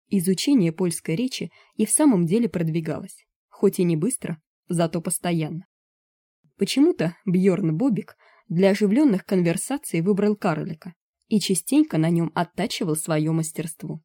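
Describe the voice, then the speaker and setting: Female audiobook narrator, low mellow voice, dry close recording. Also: lively intonation, moderate pace, no echo.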